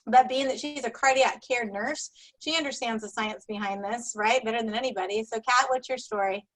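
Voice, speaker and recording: A woman hosting a group call, giving a friendly, relaxed introduction to a guest. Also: a little high, fairly quick, rough recording.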